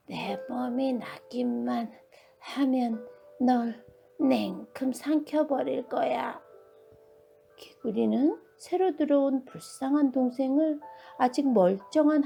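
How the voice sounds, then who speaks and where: A woman's voice: sits high, creaky, mellow. A woman doing a mournful old dragonfly. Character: grieving elder male dragonfly storyteller. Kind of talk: bedtime storybook reading.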